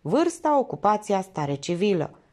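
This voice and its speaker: A woman voicing a brisk male police lieutenant who asks crisp, probing questions. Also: medium pitch, big pitch swings, darkish tone, voice pushed up, close to an everyday voice. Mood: questioning.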